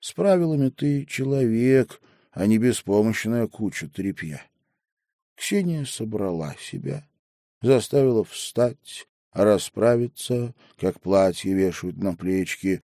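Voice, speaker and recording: A man narrating an audiobook in a measured, dramatic storytelling manner. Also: medium pitch, dark tone, no echo, studio quality.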